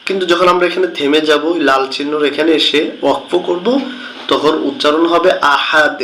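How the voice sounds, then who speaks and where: A man's voice: fairly high pitch, steady tone, a bit bright, slight background noise. A man teaching Quran reading, spelling each word out letter by letter and drawing out the recitation. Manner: slow, drawn-out spelling and chanted recitation. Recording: echoey room.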